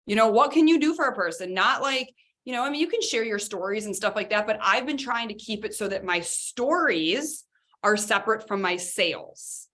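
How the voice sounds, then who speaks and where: A woman co-hosting a podcast in casual chat, talking in an animated, chatty way with lots of fillers. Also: mid-range voice, moderate pace. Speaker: podcast co-host.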